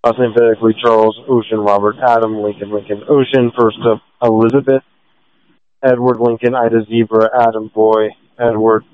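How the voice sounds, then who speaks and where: A man's voice: lowish voice, moderate pace. A male officer reads codes and spells a name letter by letter over a police radio channel. His voice stays level and unvaried, and the transmission sounds muffled and lo-fi. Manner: even, clipped codes and letters.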